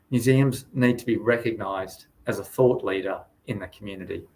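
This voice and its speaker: A man delivering formal, measured prepared remarks in a webinar. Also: lowish voice, rough recording. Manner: formal, measured, read-out phrasing. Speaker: museum director speaker.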